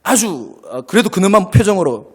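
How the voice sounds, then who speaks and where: A man's voice: high-pitched, very animated, moderate pace, slightly rough. A man preaching a sermon as pastor, acting out little dialogues and laughing along with the congregation. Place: church sanctuary. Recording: long church reverb.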